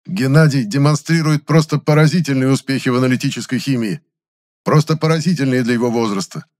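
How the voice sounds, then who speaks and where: A man's voice: mid-range voice, fairly quick, darkish tone, voice pushed up, lightly acted. A man voicing a strict, fussy older male pharmacist who barks curt orders. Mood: fawning. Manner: barking, curt.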